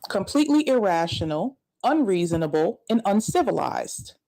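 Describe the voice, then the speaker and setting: A woman's voice: mid-range voice, very animated, moderate pace, dark tone, low-quality recording. A woman giving casual YouTube commentary, indignant and stacking words for emphasis.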